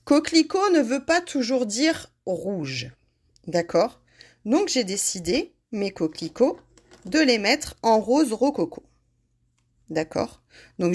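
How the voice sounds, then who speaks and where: A woman's voice: on the high side, husky. Woman craft host, leisurely and friendly, talks to viewers by name as she works. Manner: chatty, addresses viewers by name, laughs at herself. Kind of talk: casual craft demonstration.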